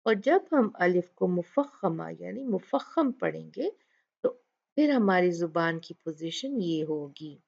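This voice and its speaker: Slow, patient woman teaching Quranic recitation. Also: fairly low pitch, expressive, creaky, darkish tone, muffled recording. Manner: patient, asks questions then answers them, draws out example words slowly. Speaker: Tajweed teacher. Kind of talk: slow explanatory lesson with recited examples.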